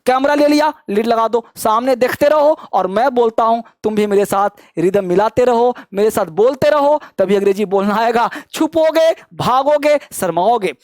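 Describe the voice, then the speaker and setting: His very high-pitched voice is animated with a darkish tone as he runs a lively online English grammar class, pushing learners forward and drilling example sentences rhythmically in call-and-response. Modelled sentences come out at a slow, syllable-by-syllable pace, and the studio-quality audio has no room sound.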